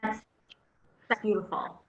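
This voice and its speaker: A woman's voice: medium pitch, animated, unhurried, gravelly, reverberant, soft background music. A woman hosting a webinar interview over a video call, effusive and thankful toward her guest. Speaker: webinar host. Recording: dull lo-fi call audio with faint noise.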